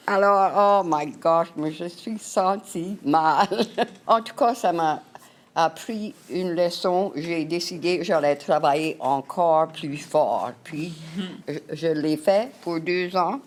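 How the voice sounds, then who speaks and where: An older woman telling a personal story in a slow, halting way. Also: fairly low pitch.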